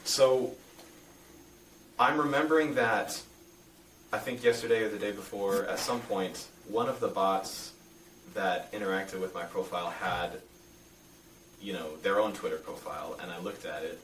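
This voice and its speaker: Young man, low pitch, hesitant rambling conversational delivery, interviewee, echoey room. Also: a little slow, pauses often, fairly bright tone. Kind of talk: casual explanatory conversation. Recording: echoey room, distant mic, faint noise.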